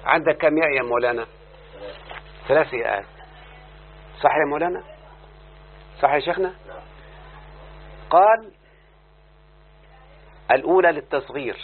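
A man with an Egyptian Arabic accent, his voice on the high side, teaches fairly quickly and pauses often. He constantly quizzes the class, prompting answers, on a tinny lo-fi recording with a faint hum.

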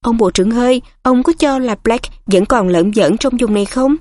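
A chatty, confiding woman innkeeper, read by a woman narrator talks over her customers' worries. The voice is fairly high and recorded close and dry. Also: normal speed, darkish tone, no room sound, natural voice.

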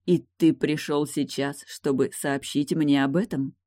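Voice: medium pitch, steady tone, measured pace, darkish tone, dry recording, studio quality, natural voice. A narrator voicing a proud, hurt woman who speaks coldly and sarcastically in an audiobook. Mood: bitter. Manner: cold, hissing, sarcastic. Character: sharp-tongued proud woman, hurt and angry. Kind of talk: audiobook character voice.

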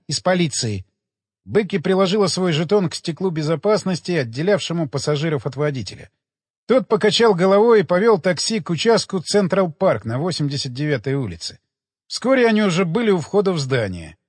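A man narrating an audiobook in an expressive, dramatic reading. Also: high-pitched, brisk, slightly rough, no echo, studio quality, in a large hall.

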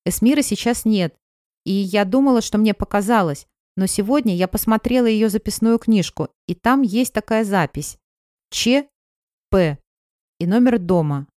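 A woman's voice: medium pitch, expressive, moderate pace, mellow, dry recording, clean studio sound, pitched above the performer's own voice, natural voice. A woman voicing a nervous, polite young office worker in an audiobook.

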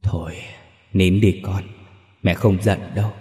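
A man doing an old mother's gentle spirit. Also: steady tone, a little slow, in a large hall. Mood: soothing. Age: older. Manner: soothing, deep and warm. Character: gentle elderly mother's spirit, warm and forgiving.

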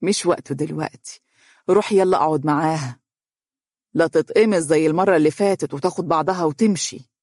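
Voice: mid-range voice, brisk, a little mellow, no room sound, clean studio sound, natural voice. A narrator voicing a stern, protective older mother in an audiobook story, firm and reproachful in Egyptian Arabic. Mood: knowing.

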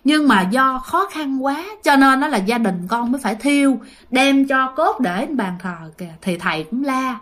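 A woman's voice: sits high, lively intonation, moderate pace, a bit bright. A woman narrating listener ghost stories in a chatty, casual way, talking straight to her audience. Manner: chatty, many fillers, addresses listeners directly. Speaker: ghost story channel narrator. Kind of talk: casual spoken storytelling.

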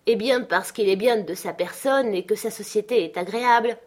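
A woman's voice: medium pitch, normal speed, natural voice. A woman voicing a capricious, petulant young woman in an audiobook, pleading and insistent. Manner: urgent and insistent. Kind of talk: audiobook character reading.

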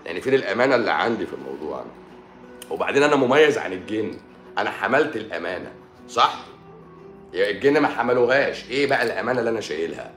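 Egyptian man, doctor on a live stream, sore throat, lively and sarcastic banter, echoey room. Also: lowish voice, racing, soft background music. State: sore throat and swollen eye. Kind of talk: casual live-stream chat answering comments.

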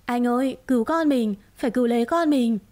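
A woman's voice: moderate pace, a little mellow, lightly acted. A woman voicing a scheming, sweet-talking pregnant young woman in a read-aloud story. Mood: wailing. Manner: sugary, then wailing and shrill.

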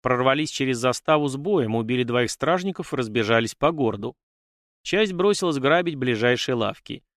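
A man's voice: medium pitch, lively intonation, moderate pace, a bit bright, no room sound, studio quality. A man voicing a burly, blunt guard in an audiobook, talking in a hearty, blustering way. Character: burly blunt male guard, club in hand.

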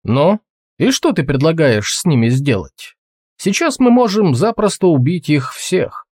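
A man's voice: fairly high pitch, big pitch swings, measured pace, a little mellow, husky, dry recording, clean studio sound, voice pushed up, full character voice. A man voicing a seasoned male hunter in a storybook reading, with a laconic, teasing delivery. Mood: calm.

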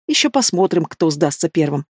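A hot-tempered teenage werewolf girl, as an audiobook reader puts her on, defiant and sulky. She hurls accusations and sharp sarcasm at her father in a storybook reading. The sound is dry and close. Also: medium pitch, big pitch swings, brisk, husky, no echo. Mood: spiteful.

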